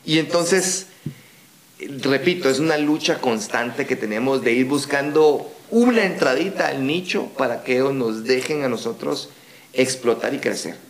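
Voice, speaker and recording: A man with a Guatemalan accent talks in a mid-range voice, lively and conversational. He acts out bits of his story and keeps tagging his sentences with little check-ins. The room around him rings with a noticeable echo. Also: mid-range voice, moderate pace. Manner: animated storyteller who acts out quoted replies, tags lines with "¿verdad?". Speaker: guest, dubbing studio owner. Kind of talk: casual podcast conversation.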